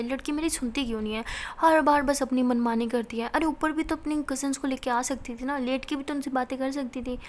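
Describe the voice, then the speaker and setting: A woman's voice: sits high, close to an everyday voice. A woman voicing a bossy, hot-tempered college girl. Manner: scolding, fussy.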